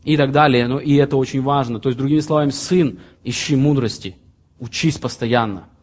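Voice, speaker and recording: A man's voice: medium pitch, a little fast. Earnest man in his thirties preaching. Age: 30s. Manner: earnest, reads scripture aloud then explains in plain examples. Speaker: pastor. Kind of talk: sermon.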